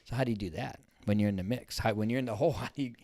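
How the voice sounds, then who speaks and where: A man's voice: fairly low pitch, racing, a little mellow. A man co-hosting a podcast, telling a story in casual chat, rambling with many fillers and restarts. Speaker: podcast co-host.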